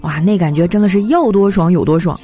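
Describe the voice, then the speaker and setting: A young woman telling comic anecdotes in a chatty, animated way, slipping into voices for the people in her stories. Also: lowish voice, fast talker, slightly rough. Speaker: comedy storyteller. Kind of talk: scripted comic monologue. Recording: light background music. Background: faint music.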